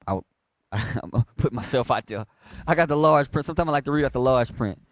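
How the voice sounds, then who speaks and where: A man teaching a Bible class in a preaching style, prompting a reader with call and response and swinging from quiet low asides to loud emphatic bursts. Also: lively intonation, fast, no echo.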